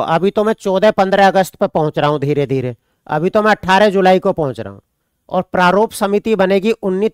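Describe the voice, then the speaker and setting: A man's voice: high voice, smooth, dry recording, studio quality. A man from India, teaching an online exam-prep class. He repeats points, dictates notes and answers students' questions.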